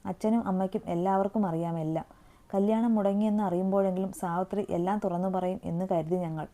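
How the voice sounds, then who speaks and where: Brief: woman voicing a loyal young man in an audio story, earnest and reproachful, very dark mellow tone. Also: mid-range voice, steady tone, fairly quick, natural voice. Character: young man, hurt but loyal brother figure.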